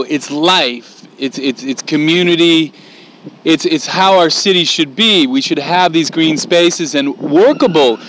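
A man's voice: fairly high pitch, fairly bright tone. A man speaking passionately in a casual interview, repeating words as he goes.

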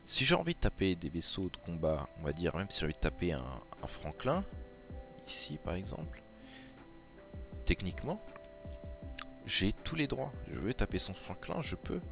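A man's voice: sits low, sing-song, moderate pace. A man from France explaining a mobile strategy game over a screen recording, chatty and hesitant, with many fillers and restarts. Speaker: gaming YouTuber. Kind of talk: casual game tutorial commentary. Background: background music.

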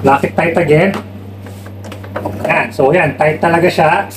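High-voiced Filipino man in his workshop. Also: unhurried. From Philippines. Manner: relaxed, explaining while testing a tool. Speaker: woodworking vlogger. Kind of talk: casual demo talk mixing Tagalog and English. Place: home woodworking workshop, indoors. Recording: loud workshop noise behind.

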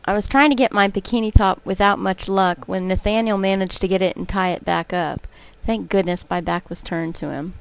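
Woman reading game text, gravelly voice. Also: mid-range voice, steady tone, normal speed, hardly any pauses, dry recording, low-quality recording. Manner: casual, reads with small slips. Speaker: game commentator.

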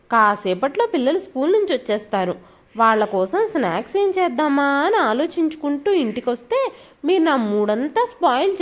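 A woman voicing a bossy young daughter-in-law in a storybook, shouting and scolding. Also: a little high.

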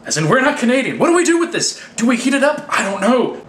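A young man acting in a homemade comedy sketch, talking deadpan and breaking into indignant rants. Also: extremely high pitch, quick pace, a little hiss or hum. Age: young adult. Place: small apartment kitchen, indoors. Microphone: camera mic from across the room. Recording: roomy, distant camera sound.

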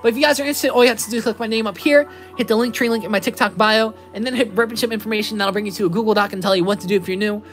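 Sex: woman. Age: 20s. Role: livestream host. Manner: upbeat, rapid, slightly high voice. Behind: faint music. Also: fairly even intonation. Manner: upbeat, reads out card names and answers chat. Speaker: card-opening livestreamer. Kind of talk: live card-pack opening. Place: indoors at a table with a playmat.

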